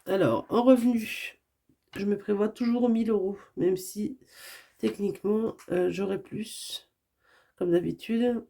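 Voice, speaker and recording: A woman who is sick with a hoarse voice, chatting casually to camera as a budget vlogger, hesitant and often correcting herself. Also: mid-range voice, mellow, slight background noise. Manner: hesitant, many fillers and self-corrections.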